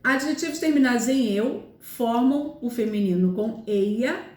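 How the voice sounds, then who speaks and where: In a recorded grammar lesson, a female Portuguese teacher lays out the rules step by step, repeating examples and checking in with "tá?" and "né?" often. Her voice is slightly high and darkish, unhurried, with a reverberant sound.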